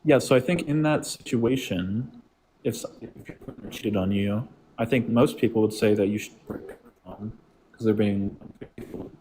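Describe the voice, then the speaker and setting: A man's voice: lowish voice, moderate pace, mellow, a little hiss or hum, poor audio. A man calling in over a video call that lags, debating casually and hesitantly with many "like" fillers. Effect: heard over a lagging video call. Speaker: caller debating the host.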